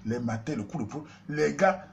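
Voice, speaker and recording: A man with a Cameroonian French accent telling a comic story, swinging between loud outbursts and low asides. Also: animated, moderate pace, creaky, background noise. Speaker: comedian.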